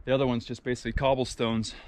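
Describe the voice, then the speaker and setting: A man's voice: mid-range voice, little pitch movement, rapid-fire, darkish tone, a little hiss or hum. A man eagerly exploring a castle ruin outdoors, talking to his camera, slightly out of breath and wondering aloud at what he finds. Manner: eager, wondering aloud, keeps saying look. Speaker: adventure vlogger. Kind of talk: excited exploration vlog.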